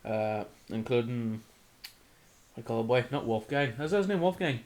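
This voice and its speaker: Young co-host, relaxed, mid-range voice. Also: male voice, medium pitch, moderate pace. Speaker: podcast co-host. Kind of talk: casual chat.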